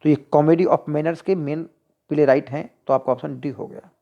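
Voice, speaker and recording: A woman teacher with a Hindi accent, going through exam practice questions, reading each one slowly and then explaining the answer choices. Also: low voice, fairly even intonation, gravelly, highs cut off. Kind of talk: exam-prep lesson.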